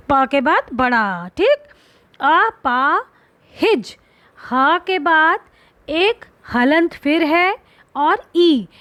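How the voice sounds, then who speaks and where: A woman teaches young children a grammar lesson at an unhurried pace. Her voice sits high, and she draws out single letters and words as she asks questions and answers them herself. The recording is dry, with no room sound. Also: a bit bright, dry recording. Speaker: primary school teacher.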